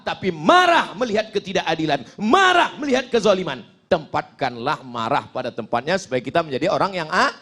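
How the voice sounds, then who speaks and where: A man preaching a sermon, joking, dropping from shouted emphasis to low asides and chanting Arabic quotes.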